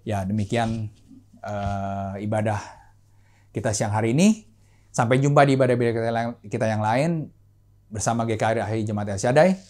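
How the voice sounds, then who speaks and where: Indonesian-speaking pastor, preaching then praying. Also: male voice, medium pitch, quick pace. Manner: animated preaching, often adding "saudaraku" and "gitu"; softer, steady prayer voice, repeating "Tuhan". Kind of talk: sermon and prayer.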